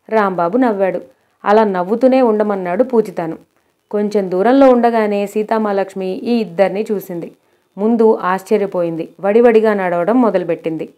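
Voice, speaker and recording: A woman narrating an audiobook story in a lively storytelling manner. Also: medium pitch.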